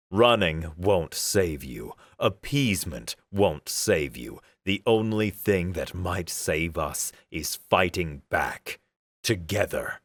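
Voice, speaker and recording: A man voicing a grim human commander who speaks low and steady in an audiobook story. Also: no room sound, exaggerated voice.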